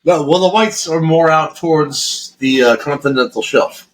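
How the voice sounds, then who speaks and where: A man from Florida talks in loose, meandering casual chat as a podcast co-host, peppering every thought with swearing and false starts. His voice sits a little higher than most men's. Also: moderate pace, rough recording. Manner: rambling and heavily profane, with many restarts.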